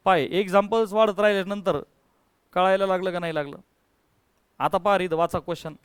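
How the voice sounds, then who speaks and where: Coaxing physics teacher. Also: male voice, high voice, fairly even intonation, fairly quick, clear, resonant tone, no room sound. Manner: coaxing, calls students to answer louder. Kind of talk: classroom lecture. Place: classroom.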